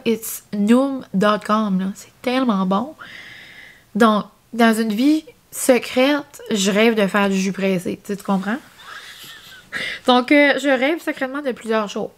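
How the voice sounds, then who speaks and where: A young woman with an Acadian French accent, chatting casually in a vlog and rambling with lots of fillers. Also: on the high side. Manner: chatty, rambling, many fillers and "genre, comme". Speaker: vlogger.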